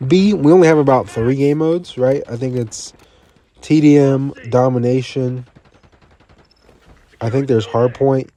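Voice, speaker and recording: A man's voice: mid-range voice, dark tone. A man giving casual gaming commentary, ranting bluntly and repeating himself, a bit tired, with faint game sounds behind him.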